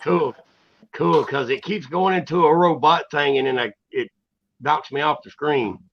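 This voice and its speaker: A man's voice: on the high side, normal speed, slight background noise. A plainspoken man on a video call, sounding a bit puzzled as he chats casually. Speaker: stream guest. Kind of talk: casual chat. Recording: dull lo-fi call audio.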